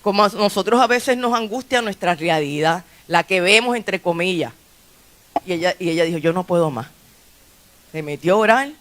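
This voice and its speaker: A Puerto Rican woman pastor preaches a sermon in a church sanctuary, her mid-range voice fairly bright. She keeps it chatty and conversational, often restarting phrases and laughing lightly.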